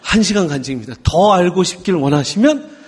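A male pastor preaching a sermon, lively and teasing, drawing answers from the congregation. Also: sits high, fairly quick, breathy edge. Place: church sanctuary. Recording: long hall reverb.

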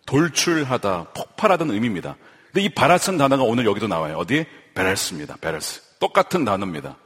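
A man's voice: on the high side, fairly bright tone, slightly rough. A man in his forties preaching a sermon as pastor, emphatic, repeating key lines and asking the congregation questions. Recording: long hall reverb.

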